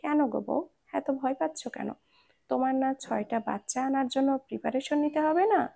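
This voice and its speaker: A woman reading the lines of a bossy male minister who teases and threatens his wife, in a lower, quieter voice. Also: normal speed, gravelly. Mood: teasing. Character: stern commanding male minister, teasing husband.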